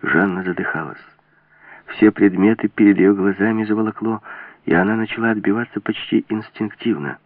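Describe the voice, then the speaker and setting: Low-voiced man narrating on tinny audio. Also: brisk, no room sound. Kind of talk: scripted narration of an adventure novel.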